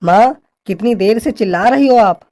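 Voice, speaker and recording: A woman's voice: mid-range voice, moderate pace, a little mellow, natural voice. A woman playing a grown son who firmly tells his mother the family is moving out. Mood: exasperated. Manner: firm, exasperated. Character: grown son, fed up and firm.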